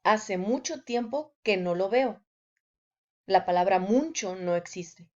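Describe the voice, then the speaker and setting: Female teacher, measured scripted lesson delivery, slow pace, slightly muffled recording. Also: medium pitch, expressive. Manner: slow, deliberate delivery with example sentences. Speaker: language teacher.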